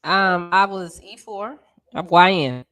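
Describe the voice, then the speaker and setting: A woman's voice: on the low side, slow, a bit bright. A woman co-hosting in casual chat, easygoing, often chiming in with brief agreement. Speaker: co-host.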